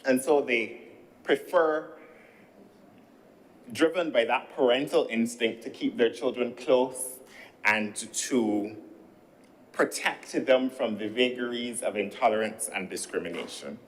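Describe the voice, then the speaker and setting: A Barbadian man in his thirties speaks from a senate chamber into a desk microphone, slow and deliberate. His pitch sits in an ordinary middle range. A faint hum of the chamber hangs behind him. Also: low-quality recording. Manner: measured and formal, often addressing the chair. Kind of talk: formal parliamentary speech. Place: legislative chamber.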